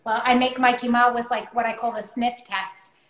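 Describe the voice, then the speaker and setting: Chatty woman in her thirties, high voice, cooking-show co-host on a video call from a roomy home kitchen. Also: fairly even intonation, normal speed, a bit bright. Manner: chatty, explanatory, many fillers. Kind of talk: casual cooking chat. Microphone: video call, laptop or phone camera.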